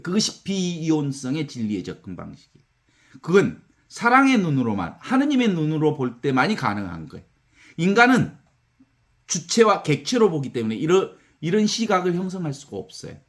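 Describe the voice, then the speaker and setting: Animated Korean priest giving a talk. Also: male voice, fairly high pitch. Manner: conversational, animated storytelling with acted-out counting. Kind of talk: spiritual lecture.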